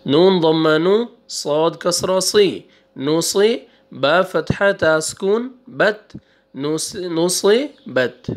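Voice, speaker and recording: A male Quran teacher spelling out syllables one by one, drawing out the recited words and giving quick asides between them. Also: on the high side, expressive. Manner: slow drawn-out recitation, then quick asides. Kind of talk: spelling out syllables in a reading lesson.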